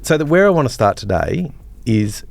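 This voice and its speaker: A man's voice: mid-range voice, sing-song, normal speed, creaky, dry recording, soft background music. A man hosting a podcast interview, asking probing questions in a conversational way. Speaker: podcast host.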